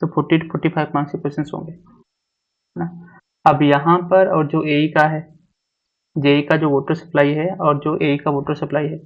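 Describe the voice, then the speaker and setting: A man teaches an exam syllabus, listing topic after topic and going over each one twice. His voice sits a little high and stays almost monotone. The recording sounds dull and lo-fi. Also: normal speed, long pauses. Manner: repeats each point, mixing English syllabus terms into Hindi. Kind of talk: syllabus walkthrough lecture.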